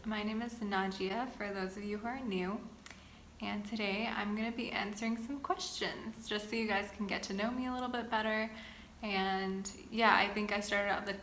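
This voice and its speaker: A woman in her twenties from the Boston area sits at home and answers viewer-style questions one by one in a relaxed, chatty way. Her voice is bright and clear. The room is echoey, with a faint hum of ambient noise behind her. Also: mid-range voice. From Boston area, United States. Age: 20s. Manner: chatty, reads questions then answers at length. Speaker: vlogger. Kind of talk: sit-down get-to-know-me chat.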